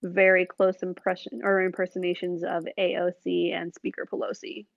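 A woman with a gravelly, fry-laden voice chats casually and gets animated as she explains what she's been watching. The sound is dry and close, with a slightly dull, lo-fi tone. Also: lowish voice, moderate pace, dry recording. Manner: chatty, animated when describing shows. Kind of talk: casual chat.

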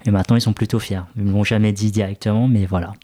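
Hesitant man with a lowish voice. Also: little pitch movement, fast talker, dark tone. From France. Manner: hesitant, many fillers. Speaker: interview guest, café co-founder. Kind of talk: casual interview talk.

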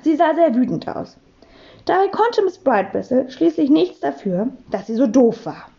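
A woman narrating a children's book in a playful, expressive way. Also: high-pitched, normal speed, gravelly, highs cut off. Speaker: audiobook narrator. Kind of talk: lively children's audiobook reading.

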